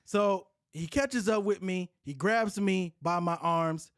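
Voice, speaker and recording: A podcast host with a lowish voice tells a wild story at a slow pace, swearing freely and laughing partway through. It's casual, animated chat, recorded in studio quality with no echo.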